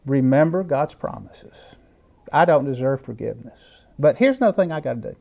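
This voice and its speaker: A man's voice: medium pitch, animated, a little fast, vocal fry, dull audio. A middle-aged man preaching a sermon lesson, conversational and asking his listeners questions. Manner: conversational, asks the audience questions.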